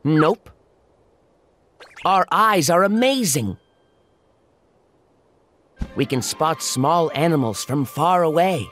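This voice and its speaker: A man's voice: a little high, lively intonation, takes it slowly, pauses often, a bit bright. A man voicing a proud, keen falcon who explains things simply in a children's educational cartoon. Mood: proud, informative.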